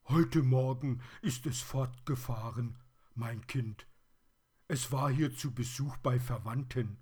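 A man voicing a lonely, forgotten plush teddy bear in a storybook reading, with a high and plaintive manner. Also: slow pace, mellow, slightly rough. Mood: wistful.

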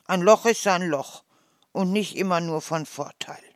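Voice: medium pitch, measured pace, dry recording, clean studio sound, close to an everyday voice. A storyteller voicing a small, curious, naive hedgehog who asks wondering questions.

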